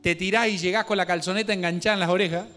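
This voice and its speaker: Man, Guatemalan Spanish accent, sermon, slang-filled storytelling, hushed to loud, somewhat high voice. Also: fairly even intonation, racing, faint music behind. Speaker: preacher.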